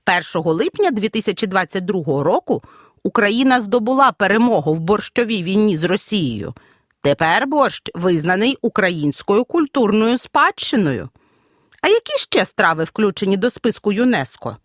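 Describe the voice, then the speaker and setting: Lively, dry-voiced woman teacher. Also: medium pitch, no room sound. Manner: clear, measured teacherly delivery with emphatic stresses on examples. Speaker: Ukrainian language teacher. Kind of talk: scripted audio lesson.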